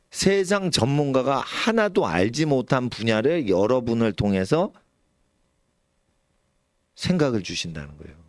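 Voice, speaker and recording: Brief: middle-aged male pastor, animated sermon delivery, wide pitch swings, dry close sound. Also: no room sound. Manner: animated, suddenly shouts or drops low, acts out quoted elders. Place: church sanctuary.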